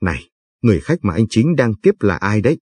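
A man's voice: lowish voice, big pitch swings, brisk, darkish tone, husky, no room sound. A man doing a stern revolutionary leader. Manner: firm, admonishing.

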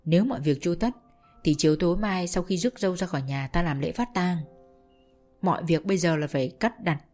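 A woman voicing a commanding middle-aged senior wife in a spoken story, giving brisk orders to the household. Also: lowish voice, a little mellow, soft background music, lightly acted.

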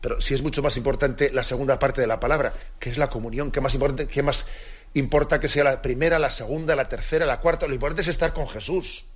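A priest giving an earnest radio catechism talk, repeating key phrases for emphasis. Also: male voice, mid-range voice, fairly even intonation, fast talker, slightly rough. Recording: dull lo-fi radio broadcast.

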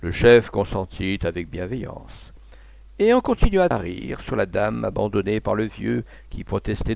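A man reading a classic novella aloud in a measured literary manner. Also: lowish voice, vocal fry, darkish tone, no room sound. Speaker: narrator.

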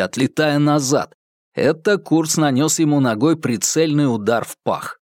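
A man reads a tense crime story aloud with lively, swinging intonation. His voice sits in an ordinary middle register, recorded close and dry. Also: mid-range voice, no room sound. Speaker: audiobook narrator. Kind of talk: dramatic audiobook narration.

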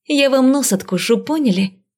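A woman voicing a fiery, sarcastic young female first-year magic student in an audiobook, talking sharp and defiant. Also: medium pitch, normal speed, lightly acted. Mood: angry. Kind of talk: audiobook character voice.

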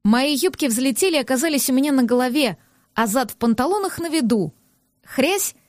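A woman reads a first-person audiobook with lively expression. Her voice sits fairly high, and the recording is dry and close. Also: fast, no echo. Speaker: audiobook reader.

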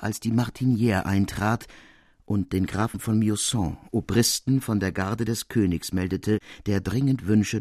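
Husky male storyteller. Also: mid-range voice, dry recording, studio quality. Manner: measured, expressive storytelling. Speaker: narrator. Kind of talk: literary audiobook reading.

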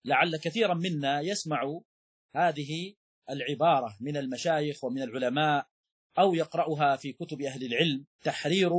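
A man teaching a lesson on Islamic jurisprudence in a measured, explanatory way, repeating key terms and pausing with fillers as he thinks. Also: a little high, husky. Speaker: sheikh teaching Shafi'i jurisprudence. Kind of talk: religious lesson, explanatory lecture.

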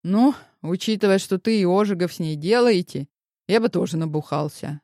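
A woman's voice: lowish voice, moderate pace, mellow, dry recording, studio quality, close to an everyday voice. A woman voicing a lazy, wisecracking young man who drawls ironic remarks.

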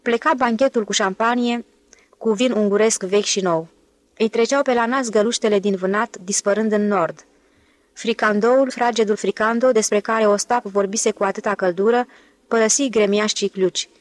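A woman's voice: mid-range voice, fairly even intonation, dry recording. Woman narrating an audiobook. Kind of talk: scripted narration.

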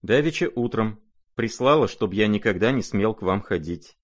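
A man voicing a gentle, naive young prince who speaks mildly and calmly. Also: on the low side, normal speed. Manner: mild, calm, soft-spoken.

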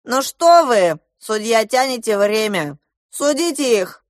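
A woman's voice: a little high, very animated, takes it slowly, no room sound, clean studio sound, pitched above the performer's own voice. Woman doing a barking furious general. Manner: shouting, barking orders. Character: furious blustering male army general. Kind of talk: audiobook character voice.

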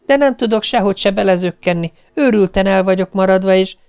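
A man voicing a harried, frazzled young wife and mother who talks in a rushed, complaining way. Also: high voice, a little mellow, clean tone, voice pushed up. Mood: flustered.

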